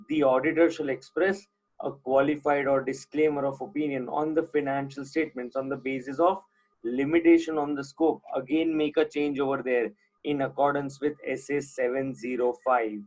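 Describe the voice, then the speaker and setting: A man's voice: medium pitch, darkish tone, rough recording. A man teaching an online class, putting questions to students and repeating the key points.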